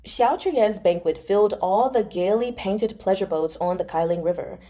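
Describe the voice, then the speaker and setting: A woman with a mellow mid-range voice speaks at normal speed. She hosts a live read-along, narrating a novel expressively and adding casual, chatty commentary.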